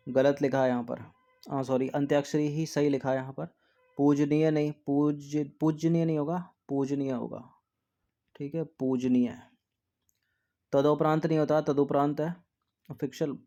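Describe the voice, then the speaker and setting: A man teaching an exam practice lesson, repeating words to drill spelling, often dropping to a soft low aside after each answer. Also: flat delivery, measured pace, pauses often, dull audio.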